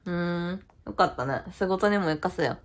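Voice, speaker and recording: A woman's voice: on the low side, moderate pace, close to an everyday voice. A woman playing a blunt, teasing young woman who used to chase host clubs, in a comedy sketch. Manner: blunt, teasing, casual slangy talk.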